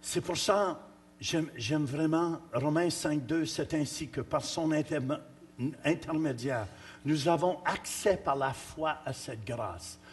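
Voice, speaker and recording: A man preaching a sermon in church, emphatic and teasing, rising at times to shouts. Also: on the high side, takes it slowly, a little hiss or hum. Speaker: pastor.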